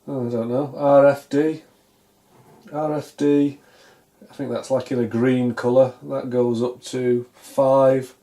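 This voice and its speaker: Here a British man in middle age, an electronics repair enthusiast presenting from a compact indoor workshop bench, narrates a repair off the cuff. He thinks out loud in a relaxed, darkish voice of ordinary male pitch, dropping dry jokes at his own expense.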